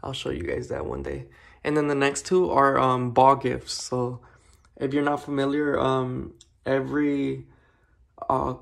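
Speaking with vocal fry at a medium pitch, a man in his twenties records a chatty house tour vlog at home. He holds the phone camera himself and talks loosely, with plenty of fillers.

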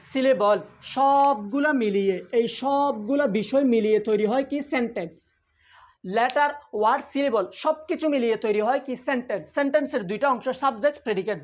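A woman with a high voice teaches grammar at a quick clip. She drills every point twice and keeps asking the listener questions before she answers them herself. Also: highs cut off. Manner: repeats key points and asks the listener rhetorical questions. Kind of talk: spoken grammar lesson.

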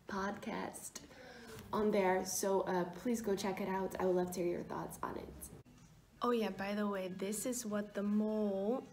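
A woman's voice: mid-range voice, a little mellow. A young woman talking to camera in a casual vlog, chatty and upbeat, with lots of fillers. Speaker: vlogger and radio host. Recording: noisy camera audio.

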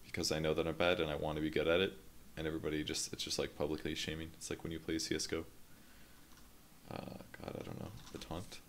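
A man's voice: extremely low pitch, little pitch movement, fast, fairly bright tone, slight background noise. A man casually commenting on his own card game play as a streamer, self-deprecating and swearing freely.

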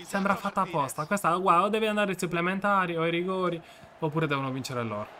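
High, bright-voiced excitable gamer man. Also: fast talker. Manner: excitable, shouts and repeats himself in disbelief. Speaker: gaming video creator. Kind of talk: excited live gameplay commentary.

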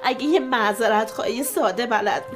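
A rather high woman's voice , as an actress plays the mother, tired and bitter, close to tears while she talks about her ex-husband. Faint music plays behind her in this TV drama. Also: lightly acted. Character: weary separated mother, tearful and bitter.

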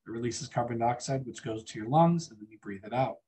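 Brisk and mellow, a man's medium-pitched voice delivers a biology lecture in a classroom. He chats conversationally with the class and asks students questions.

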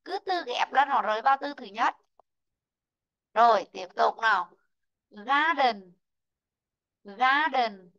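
A woman teaching an online English lesson, slowly modelling word stress and calling out students who answered right. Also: fairly high pitch, lively intonation, gravelly, a bit bright, lo-fi sound. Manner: slow, drawn-out model pronunciations of English words; calls out student names and marks answers right.

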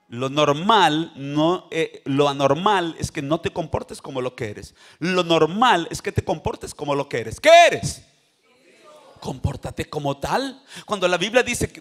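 An older man preaching a sermon in a church, animated, with sudden shouts and call-and-response to the congregation. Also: high-pitched. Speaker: pastor.

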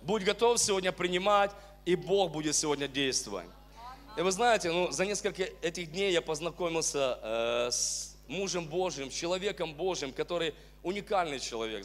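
A man's voice: fairly high pitch, expressive, moderate pace. A man in his thirties on a church stage with a handheld mic, welcoming the congregation and urging them with fervent exhortation. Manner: fervent, exclaiming praise, then earnest exhortation. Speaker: worship leader and church host. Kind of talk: worship leading and sermon-style welcome. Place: large church hall stage with band.

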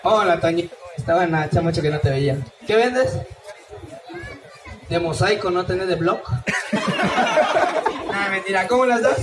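A man's voice: sits high, normal speed, pauses often. A man hosting a comic street show as a silly clown, teasing and hyping the audience. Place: outdoor town plaza by a bandstand at night. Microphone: far camera. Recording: outdoor crowd noise, loud music, distant echoey mic. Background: loud music and crowd.

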